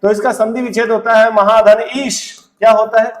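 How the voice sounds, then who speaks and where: A high-voiced man teaches Hindi grammar in a lively exam-prep lesson, constantly firing questions at students and answering them himself amid playful banter. He speaks at a normal pace, recorded from a distance, slightly back from the mic in a roomy, echoing space.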